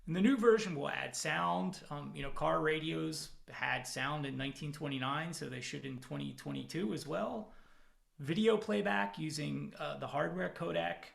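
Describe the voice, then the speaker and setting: In the evening at home, a man speaking as a product manager at a technical conference talks over a video call. His fairly high voice moves at a normal speed with vocal fry, and his manner is relaxed and self-deprecating, full of fillers.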